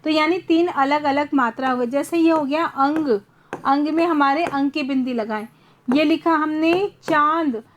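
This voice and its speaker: High-voiced woman teacher explaining patiently. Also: a little slow, a little hiss or hum. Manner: patient, explains step by step, asks students questions. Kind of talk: online class lesson.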